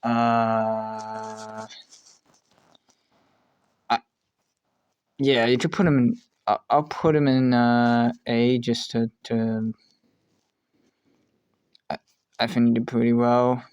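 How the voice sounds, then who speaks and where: Casual male vlogger who thinks aloud, swears offhandedly and restarts a lot. Mid-pitched, smooth tone, dry close sound. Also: flat delivery, takes it slowly, pauses often, a little mellow, dry recording, dull audio. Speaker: video creator ranking show contestants. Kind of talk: casual commentary while making a tier list.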